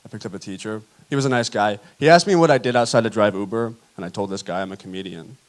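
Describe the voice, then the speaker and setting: A young man performing a self-deprecating stand-up set on a theater stage, telling stories in a deadpan way. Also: fairly low pitch, quick pace. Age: young adult. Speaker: stand-up comedian. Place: theater stage before a live audience. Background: audience laughter.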